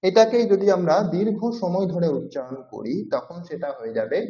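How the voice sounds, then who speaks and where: A mellow, sing-song man's voice, fairly quick and on the high side, leads a language lesson. He patiently explains each sound and says it several times over to show it. The classroom lecture is captured in roomy, dull audio.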